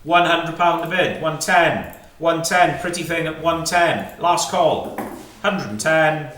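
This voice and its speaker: A bright, forceful male auctioneer with a slightly raised pitch calls a live sale. He fires off clipped, repeated bid figures and brief prompts to the room. The sound is roomy and picked up from some distance. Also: slow pace. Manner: clipped, repetitive number calling with short prompting questions. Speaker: fine art auctioneer. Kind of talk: live auction calling, rapid chanted bids and lot descriptions. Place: indoor auction saleroom. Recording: echoey saleroom, distant mic, faint noise.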